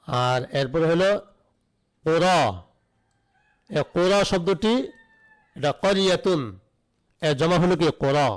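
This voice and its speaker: A man's voice: a little high, takes it slowly, pauses often, clear, resonant tone, poor audio. A man teaching an online Arabic grammar lesson, spelling out root letters and asking questions that he answers himself.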